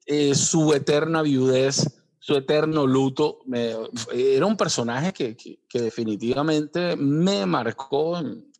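A man from Colombia's Caribbean coast, with that region's Spanish accent, speaking reflectively as an author in an interview, halting and often rephrasing. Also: medium pitch, a little mellow.

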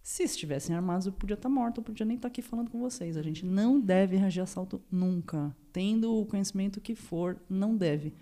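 A woman's voice: mid-range voice, fairly quick, hardly any pauses. A woman from Brazil, a podcast guest, telling a story in casual chat and acting out the voices of the people in it. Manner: animated, acts out voices in her story.

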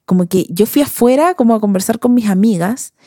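A young woman with a Chilean accent, co-hosting a podcast and telling stories in an animated, slangy way, laughing often. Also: medium pitch, brisk, no room sound, studio quality. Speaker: podcast co-host. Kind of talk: casual chat.

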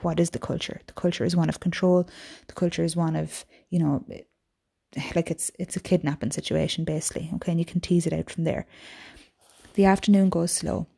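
A woman's voice: sits low, little pitch movement, quick pace, gravelly, warm tone, slightly rough. A woman teacher reading a novel aloud and breaking off for informal explanatory asides to her class.

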